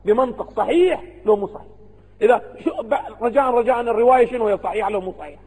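A man's voice: extremely high pitch, fast talker, a little mellow, breathy edge, long reverb tail, rough recording. A man with an Iraqi Arabic accent, a religious scholar giving a seminary lecture to students, who keeps posing rhetorical questions and answering them himself.

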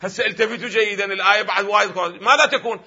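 A man lecturing as a religious scholar in an Iraqi Arabic accent, posing questions to his listeners and answering them himself, at times emphatic and loud. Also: high voice, steady tone, rapid-fire, husky, dull audio. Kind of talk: lecture on Quranic readings.

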